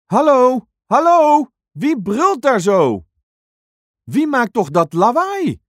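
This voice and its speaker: A woman voicing a timid little bear cub who calls out in a high, pleading voice in a storybook reading. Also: big pitch swings, takes it slowly, dry recording, clean studio sound, heavily acted. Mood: worried calling. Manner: high, pleading, repeats hello.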